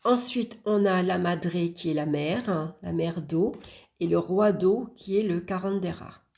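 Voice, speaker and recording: A woman's voice: fairly low pitch, creaky. A woman presenting a tarot deck, unhurriedly naming the cards as she flips through them with small hesitations. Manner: unhurried, murmuring card names while flipping, with small hesitations; warm, admiring remarks about the artwork. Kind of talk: casual deck walkthrough.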